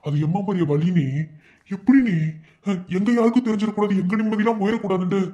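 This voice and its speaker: A man's voice: sits high, fast, dark tone, lightly acted. A man voicing a caring village elder brother in a cartoon, speaking with a Madurai Tamil accent in an earnest, consoling way. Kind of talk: cartoon voice acting.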